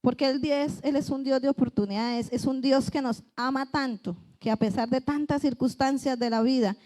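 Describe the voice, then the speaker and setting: A woman's voice: sits high, steady tone, moderate pace, warm tone. A woman preaching a conversational church sermon, earnest, often voicing pleading prayers aloud. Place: church service.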